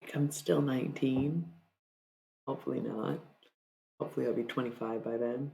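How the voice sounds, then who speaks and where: Woman in her 30s rambling to her stream chat, lots of "like" and "bro", gravelly fry. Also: rumbling low, steady tone, normal speed, mellow, poor audio. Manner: rambling and chatty, full of "like" and "bro". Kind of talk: casual chat to live viewers.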